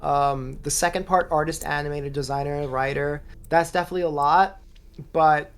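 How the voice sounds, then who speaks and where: A man's voice: fairly high pitch, fairly even intonation, moderate pace, clean tone. A man co-hosting a let's play over a voice call, talking in playful, rambling bits that trail off. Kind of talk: casual gaming commentary.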